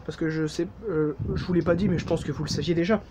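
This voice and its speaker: A man's voice: fairly high pitch, steady tone, fast talker, noisy background. A man with a French accent giving a casual, jokey language lesson, full of fillers and self-corrections. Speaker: German teacher.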